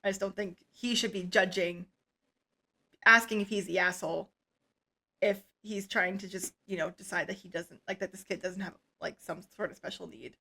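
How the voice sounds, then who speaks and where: A woman co-hosting a casual podcast, reading listener stories aloud and giving relaxed, opinionated takes that often trail off quietly. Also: medium pitch, moderate pace, vocal fry. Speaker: podcast co-host.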